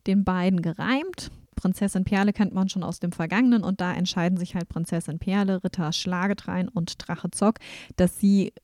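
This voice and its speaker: Lively woman retelling a children's book. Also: fairly low pitch, moderate pace, dry recording, studio quality. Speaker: book reviewer.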